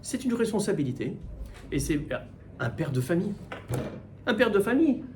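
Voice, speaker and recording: Animated rabbi teaching Torah. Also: male voice, high voice, normal speed, slight background noise. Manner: animated, rhetorical questions, repeats words while searching. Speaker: rabbi teaching the weekly portion. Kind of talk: Torah class, spoken teaching.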